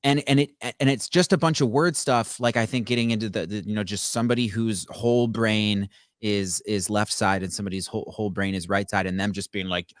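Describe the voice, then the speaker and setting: Rambling low-voiced man, dry sound. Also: fairly even intonation, a little fast, no room sound. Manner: rambling, many restarts and stammers. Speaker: podcast co-host. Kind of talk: casual chat.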